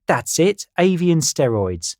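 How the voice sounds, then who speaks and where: A gullible little bird, as a man reading a storybook puts him on, high and eager. He sounds naive and sure of himself. The delivery bounces lively, close and dry. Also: slow, no echo.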